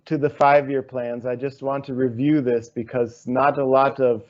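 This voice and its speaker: A man's voice: mid-range voice, little pitch movement, normal speed, highs cut off. A man hosting an interview, posing long, searching questions and thinking aloud with fillers. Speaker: interview host.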